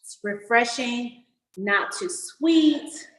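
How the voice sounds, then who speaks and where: A mixology instructor hosts a casual online cocktail class, chatty and upbeat, talking through each step as she mixes. Her voice sits on the high side, a bit bright and animated, and she speaks very slowly. The room is echoey with faint noise.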